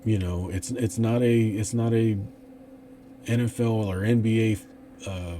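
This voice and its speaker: A man's voice: fairly low pitch, fairly even intonation, measured pace, mellow, slight background noise. A man hosting an investing channel, talking through stock picks in a casual, rambling way with many fillers and restarts. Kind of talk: casual stock analysis talk.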